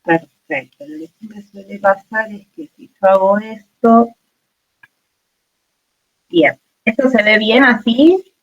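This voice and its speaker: A woman's voice: mid-range voice, slow, pauses often. A woman with an Argentine accent teaches an online chemistry class, chatty and informal. She checks in with her students often and pads her talk with fillers. The sound is dull and lo-fi over a video call. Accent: Argentine Spanish.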